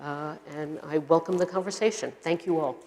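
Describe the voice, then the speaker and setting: A woman professor with a Brooklyn accent gives a measured, emphatic public speech to an audience. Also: low voice, steady tone, a little mellow, slight background noise. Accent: Brooklyn, New York. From Brooklyn, United States. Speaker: professor giving a lecture. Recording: echoey hall with long reverb.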